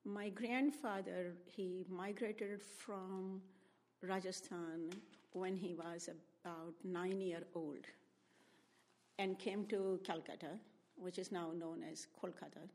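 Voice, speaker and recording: Older Indian-accented woman, oral history interviewee, unhurried reflective delivery. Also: lowish voice, fairly even intonation, darkish tone. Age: 70s. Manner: reflective, spells out names letter by letter. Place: public library room.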